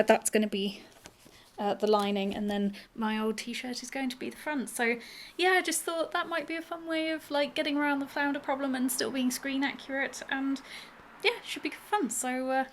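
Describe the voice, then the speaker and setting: A young woman chatting casually in a vlog, bubbly and excitable, with lots of "um" and "like". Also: fairly high pitch. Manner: bubbly and excitable, many "um" and "like" fillers. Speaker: cosplay vlogger.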